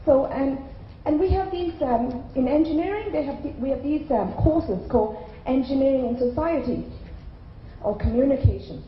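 Speaking into a handheld mic as keynote speaker, a middle-aged woman who grew up in Ireland keeps her talk conversational, often asking "okay?" of the audience. Her high-pitched voice is expressive and moderately paced, with a touch of hiss or hum. The large hotel conference hall gives a roomy, somewhat dull sound.

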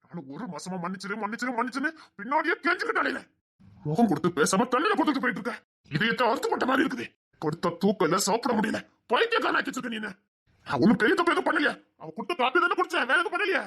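A woman's voice: fairly high pitch, big pitch swings, a bit bright, husky, full character voice. A woman acting an obsessive young man who begs and threatens his beloved, in a web drama. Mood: aggrieved. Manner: pleading and possessive, fast.

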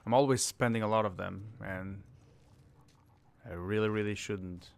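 A man's voice: fairly low pitch, steady tone, normal speed, vocal fry. A young man streaming a video game, muttering a play-by-play and swearing in bursts. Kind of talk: gaming commentary.

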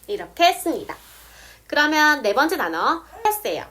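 A woman explaining English words step by step, saying example sentences slowly. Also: high-pitched, big pitch swings, bright, forceful tone. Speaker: English teacher. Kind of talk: casual video lesson.

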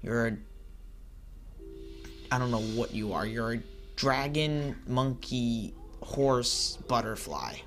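A man giving excitable let's play commentary, chattering at the creatures on screen as he plays. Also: medium pitch, slow pace, pauses often, faint music behind. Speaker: gaming channel host.

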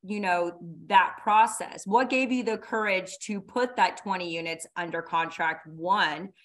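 A woman's voice: medium pitch, unhurried, fairly bright tone. A woman hosting an interview over a video call, upbeat and enthusiastic with her guest. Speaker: podcast host. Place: living room, on a sofa. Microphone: video call webcam.

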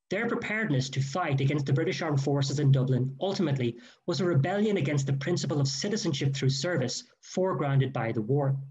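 A man giving a formal, measured history lecture read from a prepared text. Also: a little high, darkish tone. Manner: measured, careful delivery with quoted sources. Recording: dull lo-fi recording.

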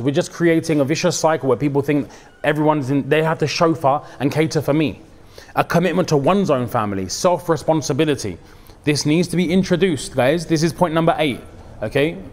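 A man's voice: fairly high pitch, in a large hall. A man giving an informal, conversational sermon, often acting out what people say. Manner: conversational, animated, acts out quotes and mixes in religious phrases. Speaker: Islamic preacher.

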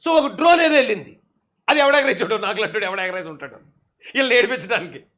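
Male commentator, high bright voice, sarcastic, scolding, laughs at his targets. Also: animated, fast talker. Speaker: political commentator. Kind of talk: mocking video commentary.

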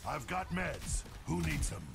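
An actor playing a steadfast combat medic soldier in a shooter game. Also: male voice, a little high, very animated, unhurried, vocal fry, exaggerated voice. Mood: steadfast, alert. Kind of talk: video game combat callouts. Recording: game music behind.

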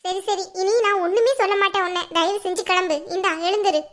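A woman voicing a sharp-tongued but caring mother in a cartoon, scolding and threatening, then quickly softening. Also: extremely high pitch, fairly even intonation, background noise. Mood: coaxing. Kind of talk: cartoon voice acting.

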